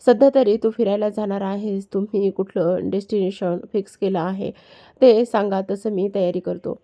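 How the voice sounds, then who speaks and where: A calm young elder brother from a spoken storybook, speaking with quiet, even warmth, as a woman reads him. He stays gentle and steady, teasing only softly. The tone is mellow and unhurried. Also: medium pitch, lightly acted.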